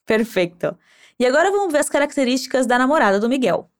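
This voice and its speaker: A woman teaching a language lesson, patiently modeling words slowly and asking the listener to repeat after her. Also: sits high, animated. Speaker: Spanish teacher.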